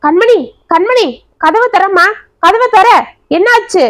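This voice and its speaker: A woman's voice: high-pitched, moderate pace, close to an everyday voice. A woman voicing a kind, protective old grandmother who coaxes and comforts a child. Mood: alarmed. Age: older. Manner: gentle, coaxing, worried.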